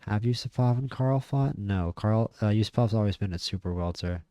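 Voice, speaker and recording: A man casually commentating a boxing management game, chatty and opinionated, stammering when he gets excited. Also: fairly low pitch, fairly quick, dry recording, clean studio sound. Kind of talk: casual play-by-play commentary over a boxing sim.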